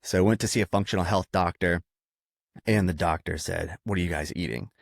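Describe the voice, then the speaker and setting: Man, low pitch, dry close mic, casual storyteller, says like and dude, swears casually. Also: brisk, creaky, no room sound. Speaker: podcast guest, food company co-founder. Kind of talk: casual conversational interview.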